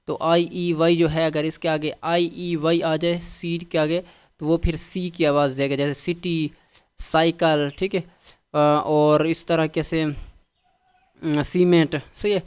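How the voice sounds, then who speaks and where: Pakistani guy teaching english vocab, kinda high clear voice, repeats stuff patiently. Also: little pitch movement. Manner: patient, repeats each word with its meaning. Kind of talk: vocabulary lesson.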